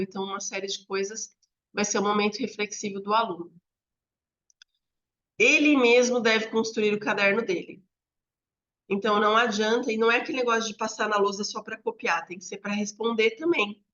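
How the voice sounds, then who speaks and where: A Brazilian woman training teachers, explaining classroom methods step by step in a conversational way, often checking in with a quick "né?". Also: mid-range voice, bright, forceful tone. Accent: Brazilian Portuguese. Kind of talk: instructional talk to teachers. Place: home room near a street. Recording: slightly dull lo-fi audio.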